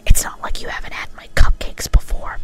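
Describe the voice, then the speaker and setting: A woman's voice: brisk, close to an everyday voice. A woman acts out a sadistic female pony from cartoon fan fiction. She whispers in ASMR style, chiding her victim with a casual, cheerful menace. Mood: casual teasing.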